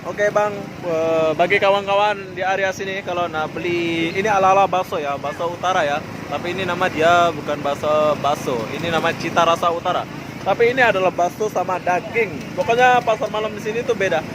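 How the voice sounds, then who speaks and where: High-voiced chatty man in loud street noise. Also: steady tone, brisk. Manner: chatty and informal, often addressing listeners and vendors as boss or brother. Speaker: vlogger, host. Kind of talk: casual walking market tour vlog. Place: busy outdoor night market. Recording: very noisy outdoor street ambience. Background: loud vehicle and street noise.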